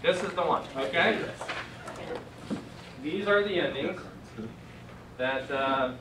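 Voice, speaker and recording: A slow, somewhat high male voice belongs to a young man running a Greek class lecture in a loose, chatty way with plenty of fillers. Recorded from a distance in a church meeting room, the audio is noisy and echoey.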